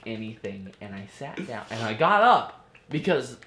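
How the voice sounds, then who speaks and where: A young man co-hosting a casual podcast, telling stories with animated energy and acting out the people in them. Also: medium pitch, measured pace, over a noisy crowd. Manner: animated storyteller, acts out voices and jumps in loudly. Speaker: podcast co-host. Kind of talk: casual chat. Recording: echoey room.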